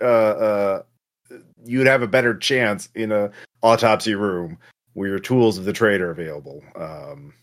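A man acting as game master for a tabletop game narrates casually and off the cuff, halting along with drawn-out pauses. His voice is lowish with a fairly bright tone.

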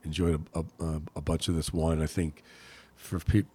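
A man with a deep voice hosts a casual podcast chat. His delivery is halting, and he often repeats words before finishing a thought. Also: level tone, mellow, breathy edge. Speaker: podcast host. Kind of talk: casual conversational hosting.

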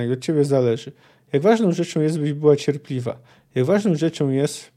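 A man voicing a cool, persuasive male elf sage in a calm, coaxing reading. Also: on the high side, close to an everyday voice.

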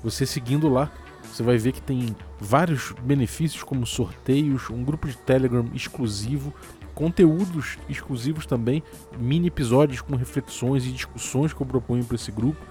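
A man's voice: mid-range voice, moderate pace, dark tone, faint music behind. Brazilian Portuguese man hosting a casual podcast. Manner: informal, slangy. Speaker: podcast host.

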